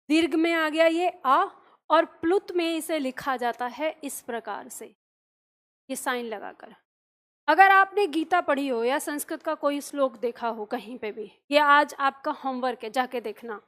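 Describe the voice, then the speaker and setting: A woman teaching a Hindi grammar video lesson. She keeps asking the viewer rhetorical questions and draws out vowel sounds to demonstrate them. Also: sits high.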